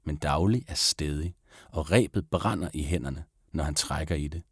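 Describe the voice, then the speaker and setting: Male audiobook narrator for children's stories: very low voice, calm, measured, dry. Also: slightly rough, dry recording. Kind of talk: audiobook reading of a children's book.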